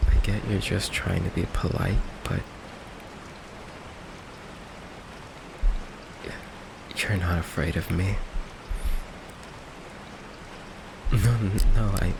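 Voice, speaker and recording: In an ASMR boyfriend roleplay, a low, gravelly-voiced man portrays a gentle, insecure male goth vampire boyfriend owning up to his secret. Vulnerable and hesitant, he speaks softly, haltingly, and apologetically over steady rain ambience and a noisy background.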